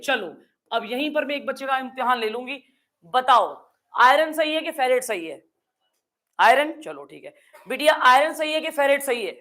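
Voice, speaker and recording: Woman, Hindi accent, chemistry lecture, rapid-fire questions to students, high-pitched, bright tone. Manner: quizzing students, answering her own questions; acts out confused students in playful asides. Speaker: chemistry teacher. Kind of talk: classroom lecture.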